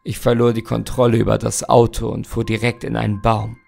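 A man's voice: monotone, fairly quick, creaky, darkish tone, faint music behind. A man reading aloud, voicing a shaken, haunted man who speaks grimly and heavily. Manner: grim, low and heavy.

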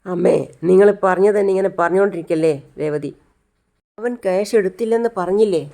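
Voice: medium pitch, a little fast, mellow, close to an everyday voice. A narrator voicing a young woman who protests and pleads for her brother. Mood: pleading.

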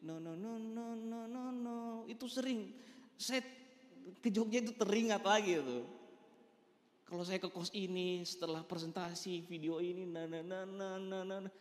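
A man's voice: high-pitched, fairly even intonation, normal speed. A man giving an emphatic motivational talk to a live audience, speaking straight to them. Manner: emphatic, addresses the audience directly, mixes in English words. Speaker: motivational speaker at a business meeting. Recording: echoey hall with long reverb.

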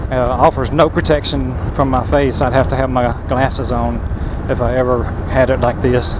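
A man chatting casually from inside a motorcycle helmet as he rides, making easygoing running commentary with exclamatory asides. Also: medium pitch. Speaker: motorcycle vlogger. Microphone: helmet microphone. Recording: muffled helmet mic, loud wind and engine noise. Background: loud wind and motor noise.

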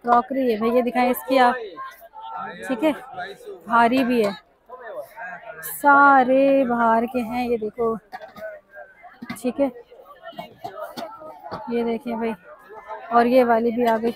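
High-voiced Pakistani woman vlogging at a crowded market. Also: level tone, takes it slowly, pauses often. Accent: Pakistani Urdu. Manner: chatty, asks stall prices loudly over the noise. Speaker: shopping vlogger. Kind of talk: casual walk-through vlog. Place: crowded outdoor street market. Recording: busy crowd noise behind.

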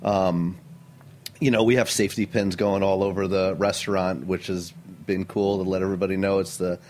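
A middle-aged man with a notably low voice, speaking as a chef in a studio interview. He answers earnestly and with energy, sprinkling in "you know" and "um" as he goes. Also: level tone, moderate pace, darkish tone, slight background noise. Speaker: chef and restaurant owner. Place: radio studio.

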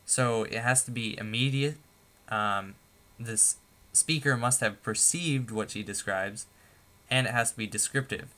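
A man presenting a tutorial lecture, explaining points in a steady, methodical way with a few fillers. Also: mid-range voice, a little slow. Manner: steady, methodical, stepping through numbered points with occasional fillers.

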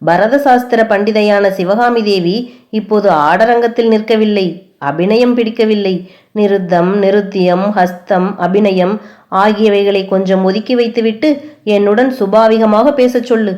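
A woman's voice: mid-range voice, fairly even intonation, unhurried, a little mellow, close to an everyday voice. A woman voicing a young prince who speaks mockingly, then affectionately, in an audiobook. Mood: teasing. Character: young prince, teasing then tender, male.

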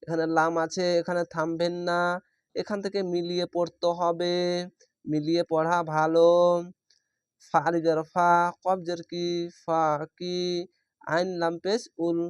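A man teaching Quran reading in Bengali style, spelling out each letter and vowel, then chanting the drawn-out word. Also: a little high, level tone, clear, resonant tone, dry recording, studio quality. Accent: Bangladeshi Bengali. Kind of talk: spelling-out recitation lesson.

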